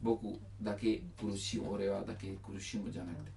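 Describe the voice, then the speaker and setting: A man's voice: sits low, little pitch movement, moderate pace, creaky, dark tone, distant mic, slight background noise. A man with an Italian accent, a native Italian speaker, explains song lyrics as a language teacher, in simple broken phrases and with sung examples.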